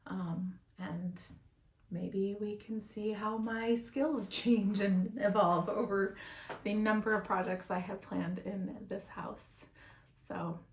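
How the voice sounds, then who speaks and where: A woman in her thirties talking to camera in a relaxed, chatty way from a room in her house. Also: medium pitch, takes it slowly. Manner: relaxed, chatty, laughs easily. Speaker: DIY vlogger. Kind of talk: casual talk to camera. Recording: echoey room with faint noise.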